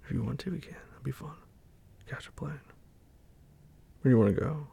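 A man softly murmuring and whispering in an intimate roleplay, soothing a partner back to sleep. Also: medium pitch, fairly quick. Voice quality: husky and breathy. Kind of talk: whispered boyfriend roleplay ASMR.

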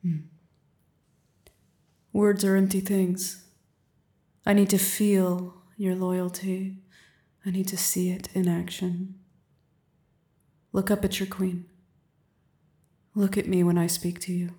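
A woman playing a commanding, seductive queen, speaking slowly and imperiously and often dropping to a whisper. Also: lowish voice, level tone, dark tone. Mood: regal, commanding. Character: commanding, seductive adult queen on her throne. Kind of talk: audio roleplay. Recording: roomy echo.

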